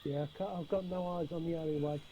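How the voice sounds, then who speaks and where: A man's voice: on the high side, fairly even intonation, fast. A man giving brief tactical replies as a player in a military game squad. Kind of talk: brief tactical replies during online gameplay. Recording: noisy game voice chat.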